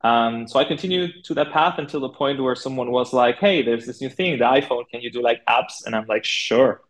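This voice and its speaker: A man from Buenos Aires, Argentina appears as a podcast guest and tells his own career story in a casual interview. His mid-range voice comes through a low-quality recording, and his speech is informal and halting, full of "like" and "you know."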